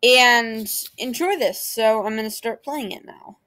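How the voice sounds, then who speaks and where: A woman's voice: on the high side, unhurried, a bit bright. A woman talking casually, as if introducing her own recording.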